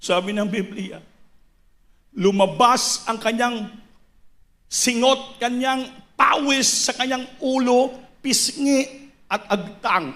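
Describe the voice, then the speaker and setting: High-voiced preacher, impassioned. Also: male voice, slow, pauses often. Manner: impassioned, swinging between shouts and hushed low passages, mixing Tagalog and English. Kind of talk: sermon.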